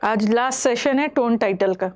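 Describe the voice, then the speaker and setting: A woman's voice: fairly high pitch, normal speed, darkish tone. A woman teaching a live online exam-prep class, explaining terms in a mix of Hindi and English and checking in with students often.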